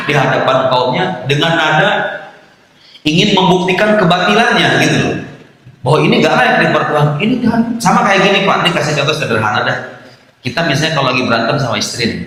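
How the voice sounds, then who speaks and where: Preacher man in an echoing hall. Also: medium pitch. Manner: lively storytelling, acts out quoted dialogue; conversational, addresses the audience directly. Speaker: Islamic preacher. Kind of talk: sermon to a congregation. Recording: echoey hall with long reverb.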